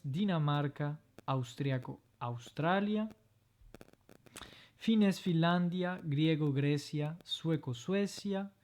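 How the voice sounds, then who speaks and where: A man's voice: fairly high pitch, darkish tone. A man teaching a recorded lesson, patiently correcting exercises and repeating each vocabulary word. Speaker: Spanish teacher. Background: keyboard typing and clicks.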